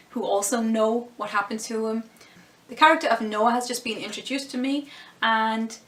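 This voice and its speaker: An echoey room carries this vlogger's fairly high, slightly bright voice as she reflects on a TV show. Losing her voice, she muses casually, frequently restarting and laughing a little.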